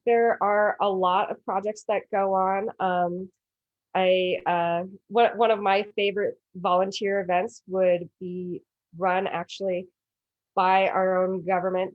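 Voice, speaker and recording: A woman guest presenter giving informal answers at an online event, hesitant as she searches for words. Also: medium pitch. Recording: roomy, dull online call audio.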